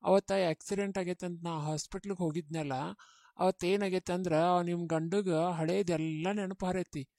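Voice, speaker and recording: Cartoon: woman voicing a steady middle-aged mother, North Karnataka accent, dark tone, dry sound. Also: fairly low pitch, normal speed, no echo, close to an everyday voice. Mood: consoling. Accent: North Karnataka Kannada. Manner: coaxing, steady. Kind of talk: cartoon voice acting.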